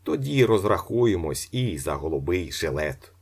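A brash, cunning young swindler, voiced by a man reading an audiobook. He talks in a commanding, theatrical way with a husky edge and lively swings in pitch. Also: normal speed, heavily acted. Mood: boastful. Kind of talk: audiobook character voice.

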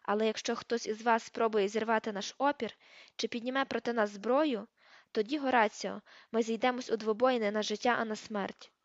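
A woman reading the part of a stern, commanding older female professor in an audiobook, giving crisp, sharp orders. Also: a little high, steady tone, normal speed, no room sound, dull audio, lightly acted.

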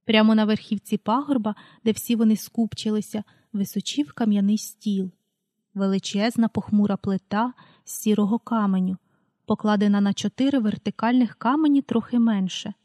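Woman, audiobook read-aloud, mellow, dry recording, unhurried, calls out page numbers. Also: mid-range voice, dry recording. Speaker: audiobook reader.

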